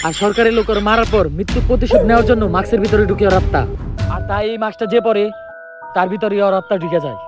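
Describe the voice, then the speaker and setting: Man playing an earnest, fast-talking, high-voiced informant. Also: over music, natural voice. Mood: warning. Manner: earnest, explanatory. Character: earnest informant solemnly explaining a cursed mask legend. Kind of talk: amateur comedy horror skit acting.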